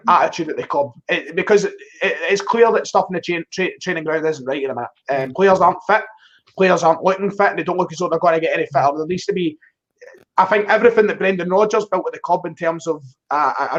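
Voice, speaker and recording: A broad Glaswegian football fan, appearing as a guest on a live stream, offers loose, meandering chat about the sport and often repeats words as he starts. His pitch is fairly high, and the recording has its highs cut off.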